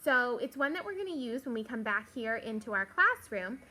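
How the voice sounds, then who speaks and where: Brief: woman, elementary teacher, high, bright, patient and encouraging with young kids, classroom. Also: sing-song, moderate pace. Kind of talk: recorded morning meeting for young children. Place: classroom, indoors.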